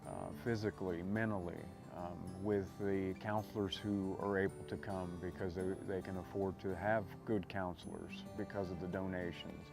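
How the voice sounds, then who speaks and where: A man who graduated from a recovery program, speaking haltingly in a testimonial. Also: low voice, little pitch movement. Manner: halting, with fillers. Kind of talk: promotional testimonial. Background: music.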